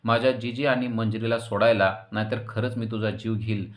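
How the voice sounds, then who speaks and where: A man's voice: on the low side, flat delivery, fairly quick, lightly acted. A man voicing a hot-headed young hero who angrily stands up to a corrupt officer, in a serial recap. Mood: defiant. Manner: angry, threatening. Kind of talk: recap voice-over reading dialogue.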